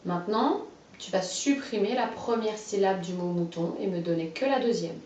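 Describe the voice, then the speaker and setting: A woman guiding a child through a phonology lesson, giving clearly pronounced words one at a time and encouraging replies. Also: mid-range voice, darkish tone, far from the mic, a little hiss or hum. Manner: slow, carefully articulated, encouraging. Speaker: teacher of a phonology exercise. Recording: dull, roomy, off-mic sound.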